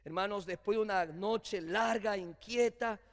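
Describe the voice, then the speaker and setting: A pastor preaches in a very high voice. He drops to near-whispers, then shouts his calls to the congregation. The long reverb of a church hall trails each phrase. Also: measured pace. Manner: swings from hushed lows to shouted calls. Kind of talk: sermon. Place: church sanctuary.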